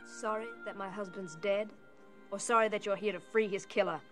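A woman's voice: mid-range voice, animated, moderate pace, music in the background, lightly acted. An actress in her twenties playing a bitter, grieving young widow, cold and accusing, in a period film drama. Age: 20s.

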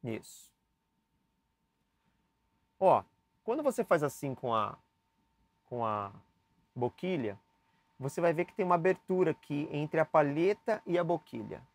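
A young man with a fairly high, expressive voice teaches saxophone basics in a relaxed, chatty lesson, speaking directly to the viewer as he demonstrates. He talks unhurriedly and pauses often. It's recorded on a camera mic, with the footage switching between cameras.

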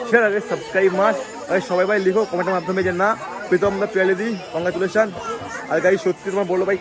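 A man vlogging casually at a wedding reception, his voice hoarse, playful and mixing in English words. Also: high-pitched. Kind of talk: casual vlog chat. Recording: loud music and crowd behind.

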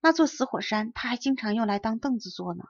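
A woman narrating a children's story as an audiobook reader, with clear, even storytelling. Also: fairly high pitch, fast, no echo. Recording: dull lo-fi recording.

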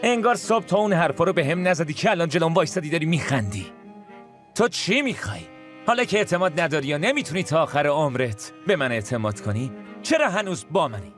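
A man's voice: fairly high pitch, very animated, fairly bright tone, soft background music. An actor dubbing an exasperated young husband who fires sarcastic, accusing questions at his wife. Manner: sarcastic, accusing, rapid-fire rhetorical questions. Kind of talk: Persian dub of a TV drama.

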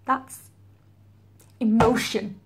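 A woman in her twenties playing a grieving, volatile young widow in a dramatic monologue, sorrowful and halting, with heavy pauses. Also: fairly high pitch, fairly even intonation, slightly rough, exaggerated voice. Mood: raw, intense. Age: 20s. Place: small room at home, indoors.

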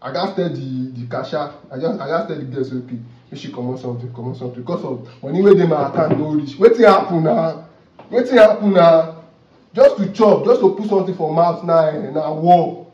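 A man's voice: a little high, brisk, mellow. A young man with a Nigerian Pidgin accent, ranting to the camera in a comic vlog, gesturing and repeating questions. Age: young adult. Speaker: comedy vlogger. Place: indoor office room. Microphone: far camera. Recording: roomy, distant, dull camera audio.

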